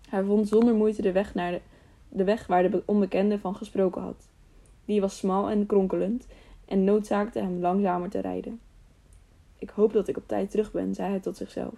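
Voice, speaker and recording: A woman narrating an audiobook in a calm, measured storybook reading. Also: medium pitch, creaky.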